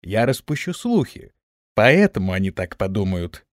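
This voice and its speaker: A cunning young hero talks brashly and with lively swings of pitch, as a male narrator plays him. The storybook reading sounds dry and close to the mic. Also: normal speed, dry recording. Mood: scheming. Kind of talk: audiobook character reading.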